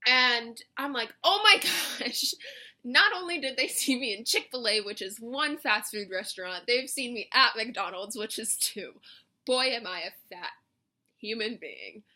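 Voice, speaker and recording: A young woman with a high, bright voice tells a casual storytime vlog. She rambles along, dropping "like" everywhere and laughing at herself as she goes. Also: lively intonation, moderate pace. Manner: chatty, rambling, lots of "like" and self-mocking laughs. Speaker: vlogger.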